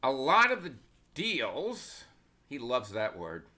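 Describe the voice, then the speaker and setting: Sarcastic man, lively bright voice. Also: medium pitch, takes it slowly. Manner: sarcastic, opinionated, rambling asides. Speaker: stock market commentator. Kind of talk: casual market commentary.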